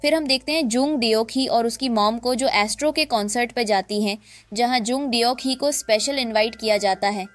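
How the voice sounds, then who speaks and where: High-voiced woman recapping a drama. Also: a little fast, faint music behind.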